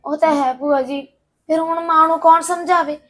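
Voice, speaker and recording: A woman's voice: very high-pitched, fairly even intonation, normal speed, fairly bright tone. An actress playing a worried young married woman who pours out her anxieties to her aunt in a Punjabi drama. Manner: anxious, pleading.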